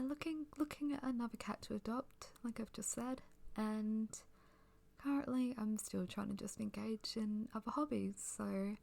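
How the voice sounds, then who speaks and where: Soft, creaky, sleepy woman rambling in ASMR. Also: medium pitch. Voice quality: soft, breathy, often near a whisper. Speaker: ASMR creator giving a personal ramble.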